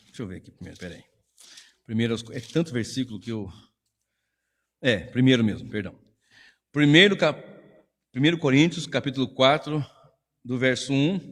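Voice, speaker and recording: A man pastor with a Brazilian Portuguese accent, preaching a sermon in a church in an emphatic, conversational way full of rhetorical questions. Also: mid-range voice. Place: church hall. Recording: long church reverb.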